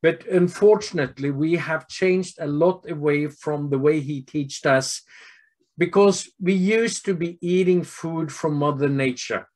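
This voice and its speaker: Man in his fifties, Norwegian accent, earnest presenter, frequent filler pauses, slightly higher voice, video call. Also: darkish tone. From Norway. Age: 50s. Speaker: health product presenter. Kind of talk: remote presentation to doctors.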